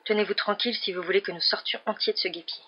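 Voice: mid-range voice, steady tone, quick pace, slightly rough, close to an everyday voice. A reader doing a panicked young attacker. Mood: desperate. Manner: raised, panicky. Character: panicked desperate young man with a knife. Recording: dull lo-fi recording.

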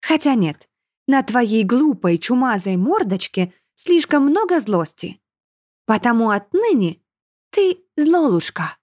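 A woman's voice: fairly high pitch, very animated, slow, a little mellow, no room sound, clean studio sound, voice pushed up, exaggerated voice. A woman voicing a pompous, affected noblewoman who talks in a mincing, mocking way in an audiobook.

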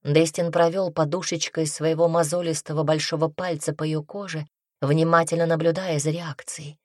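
A woman narrating a fantasy romance audiobook with an even, measured reading. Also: low voice, no room sound, clean studio sound. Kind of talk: scripted narration.

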